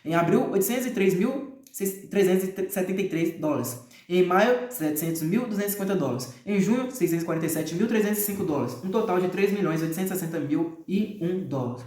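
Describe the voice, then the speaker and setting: High-voiced Brazilian man reading numbers aloud. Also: expressive, fast, hardly any pauses, darkish tone, echoey room. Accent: Brazilian Portuguese. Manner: reads long figures aloud with frequent hesitations and offhand, profane asides. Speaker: reader. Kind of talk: casual reading aloud of a nonfiction book.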